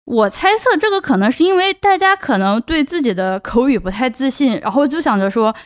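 A woman's voice: high voice, animated, fairly quick. A young woman from Chongqing, China, giving earnest advice in a casual solo podcast and repeating words for emphasis. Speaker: podcast host.

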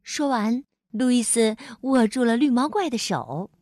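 A woman narrates a children's storybook with a high, sing-song voice that swoops up and down. She takes her time and draws out her sentence-final particles. The recording is close and dry. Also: lively intonation, unhurried, a little mellow, dry recording.

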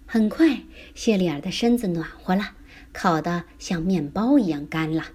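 A woman reading a children's picture book aloud in a slow, expressive storytelling manner. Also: lowish voice, breathy edge.

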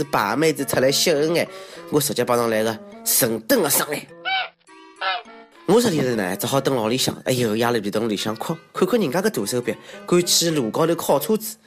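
A man with a Shanghainese accent hosting a comic monologue in a self-mocking, exclamatory way with theatrical asides. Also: a little high. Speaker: comedy show host. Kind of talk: comedic monologue on odd news.

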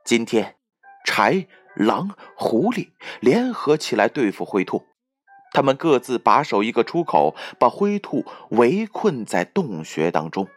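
A man narrating a children's story in an expressive, scripted storytelling manner. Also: medium pitch, a little slow, soft background music.

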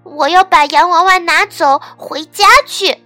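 Brief: a woman playing a squeaky, bright little bear cub girl, stubborn and easily riled, storybook reading. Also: animated, takes it slowly, no echo, soft background music, full character voice. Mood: indignant. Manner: shrill and loud when protesting.

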